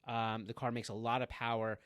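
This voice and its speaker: A man's voice: mid-range voice, little pitch movement, a little fast, fairly bright tone. A man co-hosting a car podcast in casual chat, rambling with many fillers and restarts. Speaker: podcast co-host.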